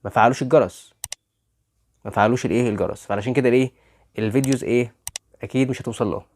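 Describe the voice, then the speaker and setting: A man with an Egyptian Arabic accent teaching a phonics lesson, asking his students rhetorical questions and saying each model word loudly twice. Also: medium pitch, fairly even intonation, very fast. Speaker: English pronunciation teacher.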